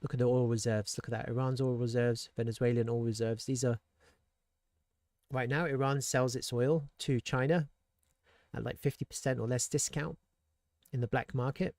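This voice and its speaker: A man talks through market charts in a loose, thinking-aloud way, tossing in rhetorical questions and restarting sentences. His voice sits in an ordinary middle pitch. The recording is dry and close, with no room sound around it. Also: fairly even intonation, moderate pace, a little mellow, no echo. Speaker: crypto market analyst. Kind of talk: casual market commentary.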